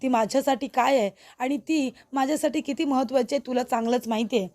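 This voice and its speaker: A woman's voice: high voice, fast talker, dark tone. A woman voicing a young husband who scolds his wife and defends his mother. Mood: scolding. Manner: scolding, insistent.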